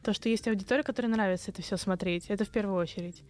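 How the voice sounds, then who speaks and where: A woman's voice: medium pitch, rapid-fire, darkish tone, faint music behind. A young woman with a lisp that makes her s slushy and slippery, chatting casually as an interview guest. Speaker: video blogger guest.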